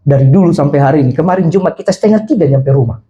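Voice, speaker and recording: Middle-aged pastor guy preaching, tells his story all animated, bit high warm voice, dull lo-fi sound. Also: rapid-fire. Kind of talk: sermon with personal story.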